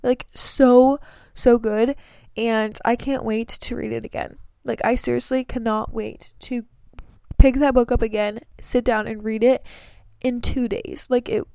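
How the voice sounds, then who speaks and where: A woman's voice: fairly high pitch, fairly even intonation, unhurried, creaky, warm tone, clear, resonant tone, no room sound, studio quality. A young woman chatting to camera about her life, earnest and sleepy, with many fillers. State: sleepy, yawning. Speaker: vlogger giving breakup advice. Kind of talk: casual chat to camera.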